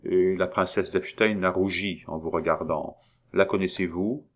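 A haunted nobleman pours out a confession, stumbling over his words and circling back on himself, as a man reading the book gives him voice. The voice sits very low and deep. Audiobook reading. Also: fairly even intonation. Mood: grave. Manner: halting, agitated confession with restarts. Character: guilt-haunted aristocratic count, middle-aged man.

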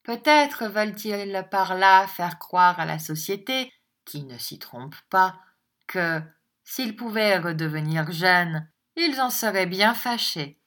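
A woman narrating a classic novel as an audiobook, in a measured, deliberate way. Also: medium pitch, animated, a bit bright.

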